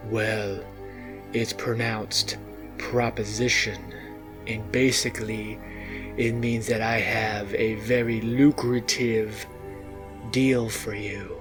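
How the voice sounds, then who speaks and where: A man voicing a creepy male stranger who lurks in an alley, speaking low, slow and hushed. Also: little pitch movement, over music. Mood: sinister, hushed.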